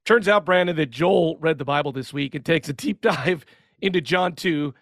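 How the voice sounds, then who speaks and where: A man with a high, gravelly voice, recorded close and dry. He runs segments with a wry, offhand delivery, setting up topics for his co-host. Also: moderate pace, fairly bright tone, no room sound. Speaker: podcast host. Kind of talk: casual commentary on sermons.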